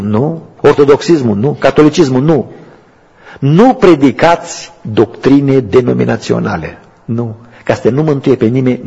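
Male pastor, sermon, very raspy voice, muffled recording, long church echo. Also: mid-range voice. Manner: storytelling that builds to loud, emphatic preaching.

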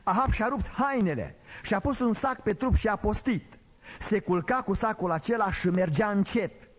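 A man preaching a sermon, swinging between loud emphatic declarations and quiet, low storytelling. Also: animated, slightly rough. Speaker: pastor. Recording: long hall reverb.

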